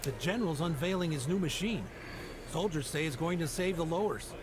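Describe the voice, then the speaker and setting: A man's voice: a little high, brisk, natural voice. An actor playing a fearful townsman in a video game, urgent and guarded. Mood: nervous. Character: nervous male townsman hushing others under a tyrant's rule.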